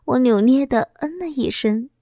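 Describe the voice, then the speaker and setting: Brief: high-voiced woman narrator, soft and intimate, slips into whispers, dry close mic. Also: normal speed, no echo. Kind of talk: scripted first-person audio story narration.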